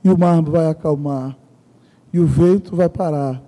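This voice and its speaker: With a warm voice on the high side and a slightly slow delivery, a pastor preaches in a church sanctuary. Stories come out emphatically as he repeatedly addresses the congregation, all carried on the hall's long reverb.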